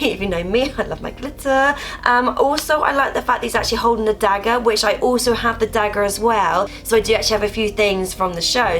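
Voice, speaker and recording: A woman with a mid-range, fairly bright voice rambles through a relaxed haul vlog about her collectibles. She's chatty, sprinkling in words like "obviously" and "actually," and she's recovering from a cough while a cold sets in.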